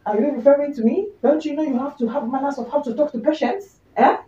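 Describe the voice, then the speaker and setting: A Nigerian woman playing a loud, fussy pregnant woman who scolds hospital staff in quick rants. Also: high-pitched, a little hiss or hum, lightly acted. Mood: indignant. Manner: scolding, indignant, fast rants. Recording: roomy, distant, dull home recording.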